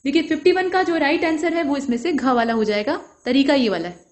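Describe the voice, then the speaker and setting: A woman's voice: sits high, brisk. A woman teaching an exam-prep grammar lesson, explaining each answer step by step and putting questions to the viewer.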